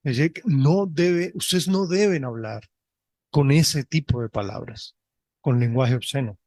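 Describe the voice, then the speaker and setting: Slow-speaking pastor, dry sound. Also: male voice, medium pitch, a little mellow, no echo. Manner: teaching, often checks with "¿sí?"; reads scripture slowly and deliberately. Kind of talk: sermon.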